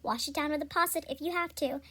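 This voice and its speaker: A woman playing an upbeat, salesy pitchwoman in a parody pharmaceutical ad, persuasive and scripted. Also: fast, fairly bright tone. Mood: enthusiastic selling. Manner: salesy, persuasive announcer delivery. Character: upbeat 17th-century female drug-commercial pitchwoman selling cures.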